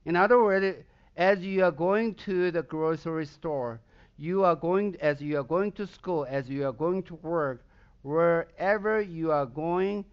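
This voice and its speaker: A man's voice: a little high, measured pace, clear, resonant tone, muffled recording. A pastor from Southern Sweden, a man whose first language is Swedish, preaching a sermon with a Swedish accent and emphatic bursts of intensity.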